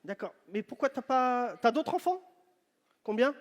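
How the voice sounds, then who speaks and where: High-voiced comedian teasing a crowd. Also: male voice, expressive, a little slow. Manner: teasing, loud banter with the audience. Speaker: stand-up comedian. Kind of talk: stand-up crowd work. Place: large venue on stage. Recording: live show with long hall reverb.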